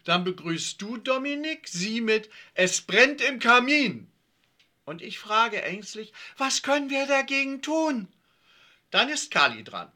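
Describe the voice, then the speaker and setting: A man's voice: sits high, very animated, unhurried, hardly any pauses, pushed and bright, pitched above the performer's own voice, exaggerated voice. A man voicing a bossy, practical schoolgirl in a children's story reading. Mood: eager bossy.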